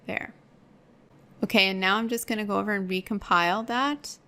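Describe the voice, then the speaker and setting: A woman's voice: medium pitch, fairly even intonation, moderate pace, bright, forceful tone. A woman teaching an online course, explaining each step patiently while working through a screen-recorded tutorial at her computer.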